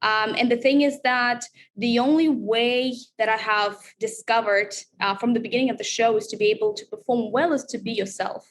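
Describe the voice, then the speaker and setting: A woman's voice: on the high side, steady tone, moderate pace, hardly any pauses, a little hiss or hum. A woman from Russia, a guest chatting upbeat in an interview, with many fillers. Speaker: reality show contestant, guest. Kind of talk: casual interview chat.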